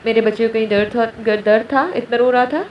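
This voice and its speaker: A woman narrator voicing an indulgent father who speaks tenderly and teases gently, recorded distant in a roomy space. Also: very high voice, steady tone. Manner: tender, coaxing. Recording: roomy, distant, dull, faint hiss.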